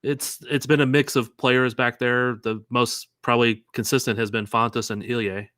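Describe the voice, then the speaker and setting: A man co-hosting a casual sports podcast, talking in a chatty, stop-start way. His voice sits at an ordinary pitch. It is recorded close and dry, with no room sound. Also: level tone, sharp tone, clean tone, dry recording. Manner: chatty, halting restarts. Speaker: podcast co-host. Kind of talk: casual chat.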